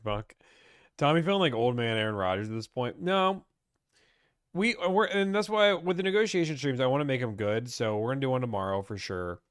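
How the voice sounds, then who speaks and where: A man's voice: mid-range voice, expressive, brisk, clean tone, no echo, studio quality. Chatty young man hosting a live stream. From Pittsburgh. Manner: chatty, reads viewer comments aloud and answers offhand. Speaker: livestream host answering car-buying questions.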